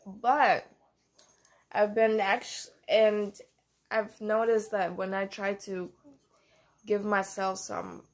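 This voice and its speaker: A young woman vlogging about motherhood in a casual, candid way, with many fillers and pauses. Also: medium pitch, flat delivery. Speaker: mom vlogger. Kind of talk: casual vlog talk.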